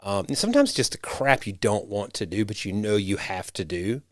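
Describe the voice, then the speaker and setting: A man's voice: fairly low pitch, lively intonation, normal speed, no echo, studio quality. A man hosting a podcast and serving as a rural pastor, talking in a reflective, rambling way with frequent restarts. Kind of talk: casual conversation.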